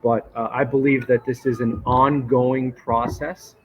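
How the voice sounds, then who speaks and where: A man's voice: mid-range voice, level tone, measured pace. Man, sports reporter, casual interview answers, slightly dull sound, faint hotel lobby noise. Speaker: sports reporter, guest on a show. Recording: muffled, noisy hotel lobby ambience.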